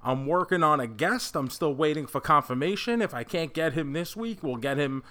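A man's voice: on the high side, animated, normal speed, bright, forceful tone. A man hosting a podcast in a casual, chatty style. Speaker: podcast host.

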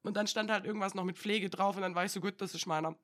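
A woman's voice: mid-range voice, fairly even intonation, fast. A young woman chats casually on a podcast, spinning stories and slipping into the voices of the people she quotes. She laughs often as she talks. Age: young adult. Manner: chatty storytelling, acting out quoted dialogue, laughs often. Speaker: podcast co-host. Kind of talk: casual chat.

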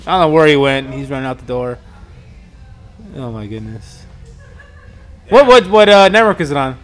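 A man's voice: medium pitch, lively intonation, normal speed. A man co-hosting a podcast in casual chat, joking, laughing often and repeating okay and dude. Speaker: podcast co-host.

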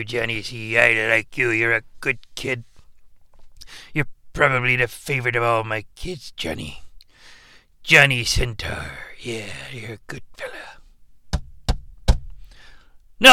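A man's voice: medium pitch, bright, forceful tone, clean tone, no echo, full character voice. A man voicing a bumbling, rambling old ex-wrestler who gets easily flustered and confused by technology, in an improvised comedy bit.

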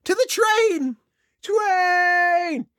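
A woman doing a grand, squeaky little mouse. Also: very slow, no room sound, clean studio sound, heavily acted. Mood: alarmed. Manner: theatrical, excitable, grand proclamations. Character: grandiose little male mouse hoarding shiny things. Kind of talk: children's audio story acting.

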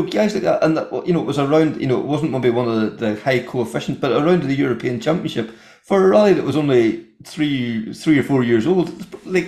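A man's voice: medium pitch, dark tone. Irish man in an echoey room. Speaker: podcast host. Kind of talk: conversational commentary. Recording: echoey, roomy sound.

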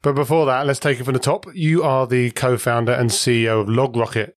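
A man hosts a podcast in a medium-pitched, steady voice, speaking fairly quickly with clean studio sound and no echo. He reads a playful scripted intro, then asks questions in a joking manner.

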